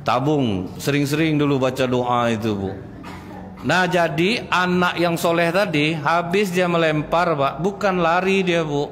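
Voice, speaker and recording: A man's voice: on the high side, measured pace, a bit bright, a little hiss or hum. A man giving a pre-tarawih mosque sermon, telling stories in a folksy way and acting out quarrels in a raised voice. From Indonesia. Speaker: preacher. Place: mosque hall. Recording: echoey mosque hall with faint ambience.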